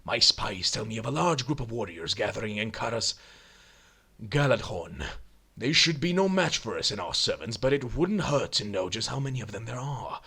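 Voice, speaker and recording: A man voicing a menacing male orc commander from a video game, reading his lines in a low growl. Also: animated, moderate pace, gravelly, pushed and bright, breathy edge, full character voice. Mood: commanding.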